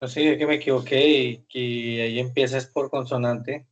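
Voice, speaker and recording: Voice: medium pitch, fairly even intonation, normal speed, muffled recording. A polite, apologetic student speaking up in an online class. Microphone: video call.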